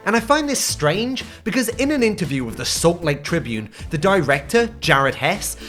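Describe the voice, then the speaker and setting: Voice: mid-range voice, very animated, normal speed, fairly bright tone. A video essayist delivering a scripted, unhinged rant in an exasperated, sarcastic way. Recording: music playing behind. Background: background music.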